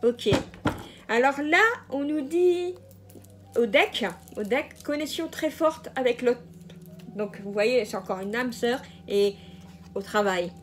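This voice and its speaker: A woman's voice: fairly high pitch, slow, soft background music. A woman giving a casual general tarot reading, hesitant, with many fillers and restarts and the odd laugh at her own jokes. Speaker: tarot card reader.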